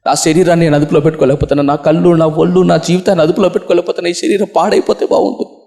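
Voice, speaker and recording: A man's voice: steady tone, very fast, vocal fry, mellow. A preacher voicing a weeping penitent young man. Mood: despairing. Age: young adult. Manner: low, broken, confessional pleading. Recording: echoey room.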